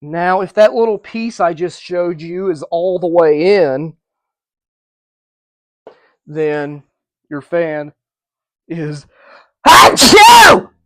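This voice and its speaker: A man's voice: on the high side, steady tone, slow, pauses often, a little mellow, dry recording. A man hosting his own channel, casually demonstrating an old fan with rambling asides and restarts. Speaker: vintage fan collector channel host. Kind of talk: casual demo video narration.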